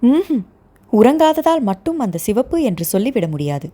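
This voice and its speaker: Expressive woman reading an audio novel. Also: on the high side, moderate pace. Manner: dramatic, expressive. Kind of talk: scripted storybook narration.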